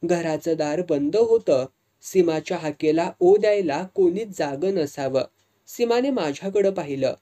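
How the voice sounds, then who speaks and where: A narrator reading a serialized novel aloud in measured, first-person storytelling. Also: male voice, sits high, mellow. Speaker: audiobook narrator.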